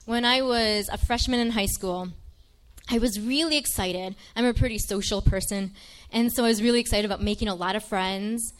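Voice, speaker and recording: A woman's voice: mid-range voice, fairly even intonation, moderate pace. A young woman from Michigan giving an earnest, chatty personal faith testimony to an audience, with frequent ums.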